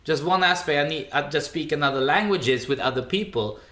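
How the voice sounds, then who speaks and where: A Swedish man in his twenties, a native Swedish speaker, is an animated podcast guest in a casual interview, speaking emphatically and often repeating words as he starts. His voice is fairly high and fairly quick, with a roomy sound.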